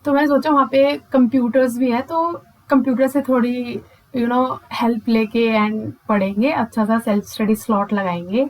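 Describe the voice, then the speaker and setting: A woman's voice: on the high side, steady tone, moderate pace, poor audio. A young woman telling a personal story in a casual, chatty way, mixing English phrases into her talk and acting out what happened. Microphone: mic on the speaker.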